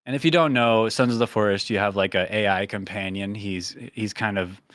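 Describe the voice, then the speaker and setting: A man's voice: lowish voice, a little fast, no echo. Rambling man chatting on a podcast, dry sound. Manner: rambling, filler-heavy, animated storytelling. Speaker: podcast host. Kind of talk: casual chat.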